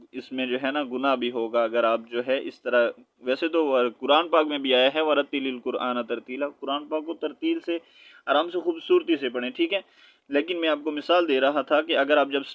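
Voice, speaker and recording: Patient male Quran teacher, slow chanting. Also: medium pitch, dry recording, dull audio. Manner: patient, checks in with "okay?" after each point; slow drawn-out chanting of verses. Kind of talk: spelled-out recitation lesson.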